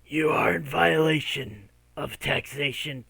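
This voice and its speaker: A man's voice: on the high side, measured pace, gravelly, bright, forceful tone, slightly rough, dry recording, full character voice. A man voicing a blank, menacing skeleton tax enforcer in a tabletop game, with an unearthly voice and formal pronouncements. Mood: stern, threatening.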